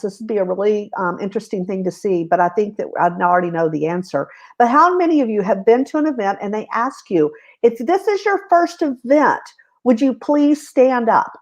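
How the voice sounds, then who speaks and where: Woman cohost telling a story on a live stream, lots of ums, middle pitch voice. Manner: storytelling, hesitant with many fillers. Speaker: co-host. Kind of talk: live-streamed coaching chat.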